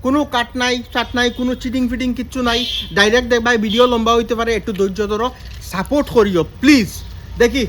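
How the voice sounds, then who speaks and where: High-voiced Sylheti man hosting a homemade vlog. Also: steady tone, quick pace, a bit bright. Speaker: challenge video host. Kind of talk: casual chat to viewers. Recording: faint noise, unedited home video.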